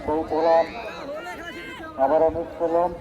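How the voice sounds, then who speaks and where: A man calls a local football match live. His fairly high voice announces emphatically, often repeating phrases. Crowd noise fills the outdoor recording. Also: completely flat delivery, unhurried, highs cut off. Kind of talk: live penalty shootout commentary. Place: outdoor village football ground.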